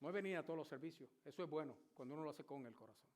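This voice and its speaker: A man's voice: fairly high pitch, rapid-fire. A man in his sixties, a pastor preaching a sermon with vivid, emphatic storytelling. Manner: storytelling, emphatic, shouts at climaxes.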